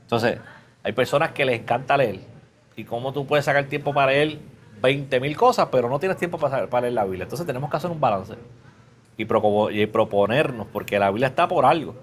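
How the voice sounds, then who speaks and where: A man's voice: medium pitch, brisk. Chatty male preacher teaching a class. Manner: casual, chatty, asks the class questions; mixes English fillers into Spanish. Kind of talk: conversational Bible class.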